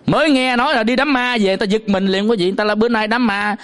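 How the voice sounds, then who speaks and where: A male Buddhist monk with a Southern Vietnamese accent gives a sermon in a noticeably high voice. He tells his parables in a lively, storytelling way and acts out the examples for the listeners. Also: racing.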